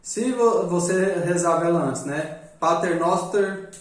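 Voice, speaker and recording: Man, casual joking teacher, slightly high voice, far off in an echoey room. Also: measured pace. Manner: joking, chatty, repeats "né?" often. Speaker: magic course teacher. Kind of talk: casual live class talk. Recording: echoey room, distant mic.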